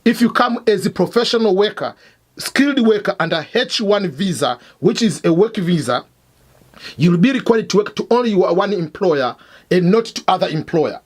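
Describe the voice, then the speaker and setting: A man's voice: high-pitched, expressive, moderate pace. A middle-aged man from Tanzania, host of an explainer channel, teaching emphatically and repeating key points. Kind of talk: explainer lesson. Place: Missouri, United States.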